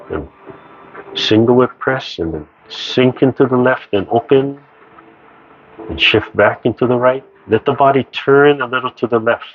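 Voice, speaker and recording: A man teaching tai chi, giving serene, measured step-by-step movement cues in short phrases. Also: mid-range voice. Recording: dull, muffled audio with background noise.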